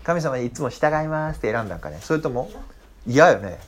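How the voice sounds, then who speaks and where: Youth teacher, a man with an animated, swinging voice, chatty and full of questions to the group. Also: mid-range voice, a little fast. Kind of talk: interactive Bible talk to young listeners.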